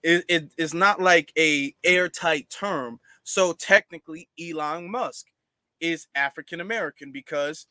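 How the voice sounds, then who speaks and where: A man's voice: fairly high pitch, measured pace, sharp tone, no room sound. A man hosting a casual livestream, explaining at length to viewers with many fillers and restarts. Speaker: livestream host.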